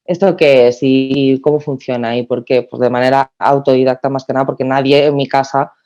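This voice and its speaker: A woman's voice: rumbling low, fairly quick. Woman guest on a dull lo-fi line. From Spain. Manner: lively storytelling with frequent restarts. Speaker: podcast guest. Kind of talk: casual podcast interview.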